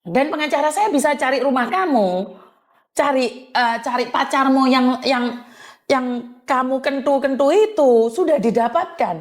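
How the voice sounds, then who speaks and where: A woman's voice: high-pitched, measured pace. A woman, hosting her channel and answering a complaint in an earnest, repetitive way. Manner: earnest, repetitive, mixes in Javanese phrases. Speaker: channel host. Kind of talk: talking to the camera, replying to a complaint.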